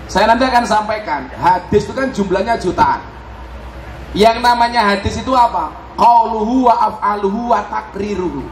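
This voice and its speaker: In an echoey, large event hall filled with a noisy live audience, a man with a high-pitched voice and a Javanese accent preaches a comic sermon at a moderate pace. He ribs the crowd and mixes in Javanese slang.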